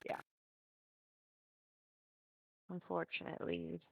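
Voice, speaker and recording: A woman playing a tabletop role-playing game, musing aloud in an unhurried way and laughing readily. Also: low-quality recording. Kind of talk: casual play and table chat over voice chat.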